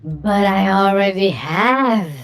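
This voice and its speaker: A woman voicing a gloating villain witch mother who taunts in a condescending, drawn-out way in a visual novel. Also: medium pitch, animated, faint music behind. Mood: smug.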